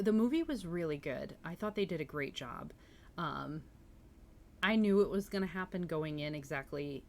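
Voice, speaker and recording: A woman with a low voice hosts a book-reading livestream, talking casually and enthusiastically while responding to viewer comments. There is slight background noise.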